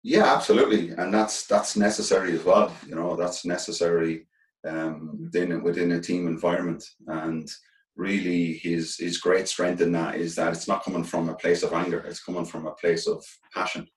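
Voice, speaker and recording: A middle-aged man with a west of Ireland, Galway accent gives reflective interview answers. His voice is very low and fairly flat, and he is earnest, often repeating a phrase as he works out the thought. He sounds a little away from the mic in an echoey room. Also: far from the mic. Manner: earnest, halting, repeats phrases as they think aloud. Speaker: interview guest, former professional footballer turned coach.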